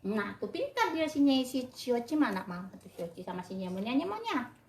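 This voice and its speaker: A woman's voice: fairly high pitch, very animated, fairly quick, a little mellow. A woman at home talking in a doting, coaxing baby-talk to her pets as she gives them medicine. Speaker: pet owner. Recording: echoey room.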